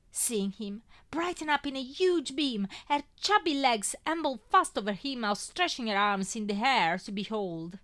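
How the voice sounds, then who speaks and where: A woman reading a first-person story aloud in an expressive, lilting way. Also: on the high side, dry recording. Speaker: fanfiction reader.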